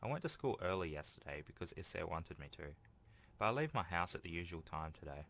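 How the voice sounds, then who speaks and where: A young gaming YouTuber reads game text aloud and gives casual let's-play commentary in a low, creaky, slightly bright voice with a sing-song lilt and a quick pace. The playthrough is a home recording with video game music behind it.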